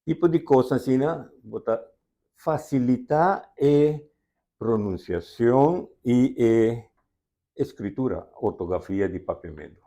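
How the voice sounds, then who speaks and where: Slow, mellow-voiced Curaçaoan man explaining. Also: medium pitch. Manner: patient, explains rules step by step. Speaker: language expert guest. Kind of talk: explanatory interview talk.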